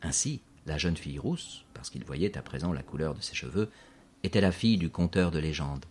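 A man narrating a storybook in a measured, scripted audiobook delivery. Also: a bass voice, lively intonation, darkish tone, breathy edge.

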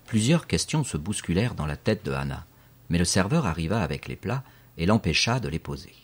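A man narrating an audiobook in a steady, clear reading voice. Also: low-pitched, brisk.

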